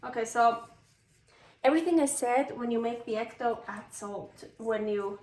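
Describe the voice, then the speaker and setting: Her pitch is fairly high, her tempo moderate, and her tone slightly mellow as this Swiss cooking vlogger talks in Californian English with a Swiss tinge. Cooking at home, she rambles through unscripted chatter, self-deprecating and crying out when things go awry. The sound is roomy and faintly noisy, picked up from a distant microphone.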